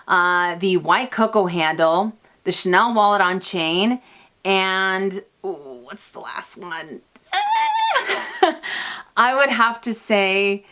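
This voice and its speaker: A woman's voice: on the low side, bright, forceful tone. A woman host answering viewer questions in a casual vlog, chatty and self-mocking, with playful asides to her audience. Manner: chatty, self-deprecating, restarts and fillers, laughs often.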